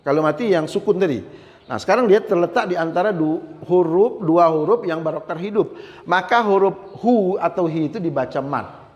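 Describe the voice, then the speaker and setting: A male teacher giving a religious lesson on Quran recitation rules, explaining step by step, often adding a checking "ya" and slowly chanting the recitation examples. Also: high-pitched, lively intonation, muffled recording. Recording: long reverb.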